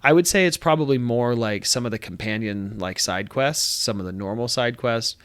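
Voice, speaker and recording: Young male gaming host, stuffy-nosed and congested, loose rambling chat with plenty of fillers, mid pitch, dry close sound. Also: moderate pace, a bit bright, clean tone, no echo. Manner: rambling, many fillers and restarts. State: congested from allergies. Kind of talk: casual talk to camera. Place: friend's apartment room.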